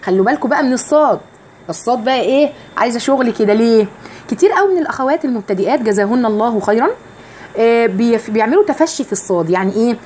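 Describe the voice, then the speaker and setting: A woman with an Egyptian Arabic accent teaching Quran recitation rules to women, explaining each rule, reciting verses slowly and drawn out, and putting questions to her listeners. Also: a little high, animated, a little mellow, a little hiss or hum. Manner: asks the listeners questions directly. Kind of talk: tajweed lesson for women.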